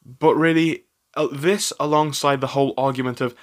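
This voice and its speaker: A man's voice: medium pitch, normal speed. A man hosting a stock commentary channel, talking in a chatty, opinionated way with frequent fillers and restarts. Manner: chatty, animated, with frequent fillers and self-corrections.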